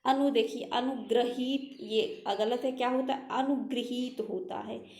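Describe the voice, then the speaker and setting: A woman's voice: a little high, fairly even intonation, measured pace, darkish tone, roomy sound. A woman teaching a Hindi spelling lesson for exam preparation, who goes through answers one by one, repeats the correct words and asks rhetorical questions.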